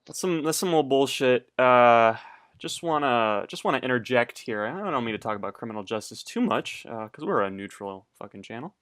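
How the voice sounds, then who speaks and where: A man's voice: medium pitch, animated, normal speed, a bit bright, no room sound. A young man co-hosting a casual podcast, rambling and hesitant with lots of fillers and swearing. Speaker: podcast co-host.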